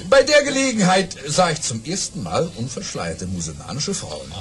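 An actor playing a boastful aristocratic baron in a radio play, telling tall tales dramatically and savoring his pauses. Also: on the high side, wildly swooping pitch. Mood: charmed, relishing. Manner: dramatic, savoring pauses, hushed then exclaiming. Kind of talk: theatrical German radio play storytelling.

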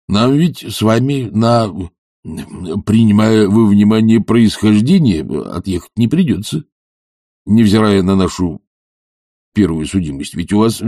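A man voicing an older professor who grumbles and mumbles with weary, short-tempered gruffness. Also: on the low side, mellow, no room sound, clean studio sound, full character voice.

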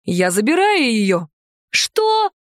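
Dragon uncle in a storybook reading voiced by a woman: slow, clipped orders, breathy tenderness. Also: a little high, very animated, dry recording, studio quality. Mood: commanding. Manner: slow, breathy and tender with his mate, curt with others. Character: adult male dragon uncle, calm and dismissive.

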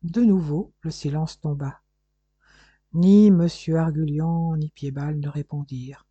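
An audiobook narrator reading an old adventure novel aloud in a measured storytelling manner, in a dull lo-fi recording. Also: medium pitch, fairly even intonation, mellow, breathy edge, dry recording.

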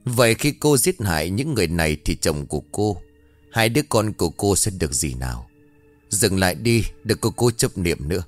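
A man voicing a solemn old Buddhist monk who speaks in a low, calm, admonishing way. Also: fairly quick, soft background music. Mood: pleading.

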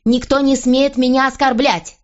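A woman's voice: flat delivery, normal speed, a little mellow, natural voice. A woman voicing a furious proud young queen. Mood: indignant. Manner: shrill, demanding. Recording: dull lo-fi recording.

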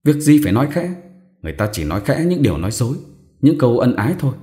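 A man voicing a sharp-tongued, defiant young wife who speaks with mocking scorn in a storybook reading. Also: mid-range voice, very animated, rapid-fire, voice pushed up, natural voice.

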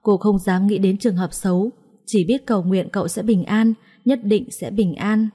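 A woman storyteller and host narrating a scripted romance story in a steady, emotive way. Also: mid-range voice, normal speed, breathy edge.

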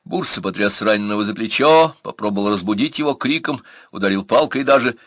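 A man reading an audiobook aloud, narrating steadily and acting out the characters' lines with a raised, louder voice. He reads into a close studio mic. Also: fairly low pitch, expressive, a little fast, no echo.

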